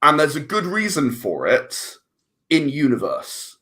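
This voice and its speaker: A filmmaker and audio drama writer appears as a guest on a podcast interview, chatting casually, rambling and repeating words while he hunts for the right phrasing. His voice is a little high and sharp, with huge pitch swings and an unhurried pace.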